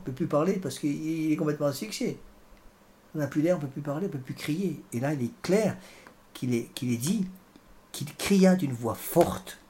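Male priest, sermon delivery, halting and repetitive, faint background noise. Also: mid-range voice, darkish tone. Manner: halting, repeats words, frequent fillers. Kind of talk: sermon with scripture commentary.

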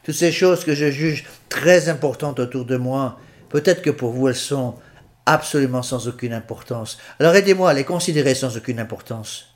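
A man's voice: medium pitch, normal speed. A man, a priest preaching a sermon in an earnest way, often repeating and restarting his phrases.

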